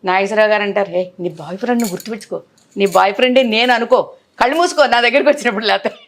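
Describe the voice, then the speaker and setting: A woman's voice: medium pitch, very fast. A woman in her sixties, an actress telling emotional stories of her film career in an interview, acting out what others said to her. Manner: animated, acts out others' words in quotes.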